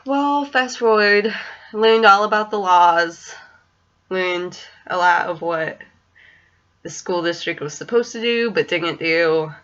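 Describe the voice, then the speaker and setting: A woman in her twenties, a student teacher in special education, chats hesitantly in a casual, rambling home vlog, and she has a speech impediment that makes her say w for r. Her voice sits on the low side and is fairly bright, and she speaks slowly. She's recorded in a small room indoors on a webcam or computer mic at desk distance, with the highs cut off.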